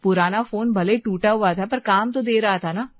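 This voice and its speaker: A woman's voice: medium pitch, moderate pace, no room sound, lightly acted. A woman voicing a sweet but distracted young wife in a cartoon, chatty and pleading. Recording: dry, slightly dull lo-fi sound.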